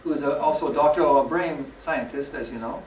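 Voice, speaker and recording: A man from the West Coast of the United States giving a lively, joking stage presentation in plain, simple English. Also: a little high, fast, slight background noise. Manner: lively, jokey, simple English for a Japanese audience. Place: large hall, recorded from afar. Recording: echoey hall, far from the mic.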